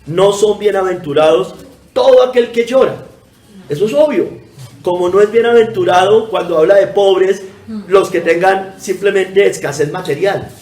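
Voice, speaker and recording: A man's voice: high-pitched, moderate pace, darkish tone, roomy sound. A man preaching a sermon, emphatic and repetitive, often calling out to his congregation. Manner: emphatic preaching, repeatedly addressing the congregation as brothers. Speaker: pastor.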